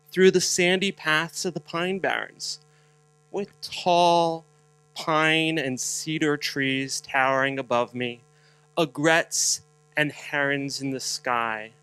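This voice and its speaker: A man's voice: on the high side, pushed and bright, clear, resonant tone, no room sound, poor audio. A man from New Jersey leading a spiritual moment at a conference, telling a story with lots of fillers and a bit of humor before building to rhetorical questions. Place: conference hall.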